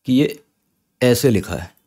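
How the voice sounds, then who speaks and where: A man teaching an online Sanskrit lesson, patiently spelling words out slowly, sound by sound. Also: medium pitch, lively intonation, mellow, slightly rough.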